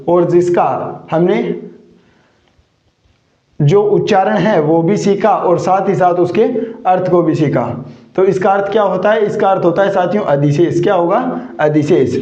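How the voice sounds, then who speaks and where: A male teacher giving a vocabulary lesson. He keeps asking his students questions, answers them himself, and draws out key words slowly. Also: sits high, darkish tone, roomy sound, dull audio.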